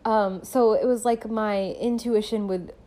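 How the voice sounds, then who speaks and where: A woman's voice: mid-range voice, fairly even intonation, measured pace, dark tone. A young woman hosting a podcast and talking casually about her own experiences, with lots of fillers and frequent laughs. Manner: chatty, filler-heavy, laughs often. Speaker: podcast host and musician. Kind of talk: casual personal monologue.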